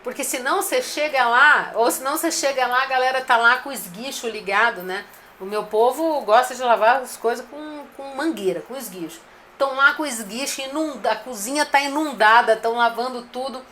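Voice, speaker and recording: A woman talks restaurant owners through practical advice in a direct, coaching way, addressing them like friends. Her voice sits a little high. A faint noise runs under the recording. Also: fairly quick, sharp tone. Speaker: restaurant business consultant. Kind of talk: live-streamed business advice talk.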